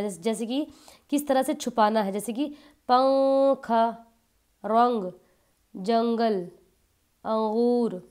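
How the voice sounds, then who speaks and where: Lady tutor, slow and patient, kinda high voice, drills each word. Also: a little mellow. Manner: patient, repeats and drills words slowly. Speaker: Quran recitation teacher. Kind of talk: slow explanatory lesson with recited examples.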